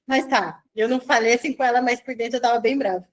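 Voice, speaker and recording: A woman with a Brazilian Portuguese accent runs an online mentoring session for business. Her voice sits on the high side, and she talks in a chatty, animated way, tossing in quick asides.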